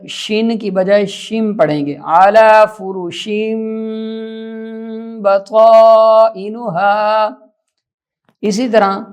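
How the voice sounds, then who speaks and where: A patient Quran reading teacher explaining pronunciation at an unhurried pace. The voice sits in a middle pitch and stays calm and instructive, stretching difficult words out and repeating them for correction.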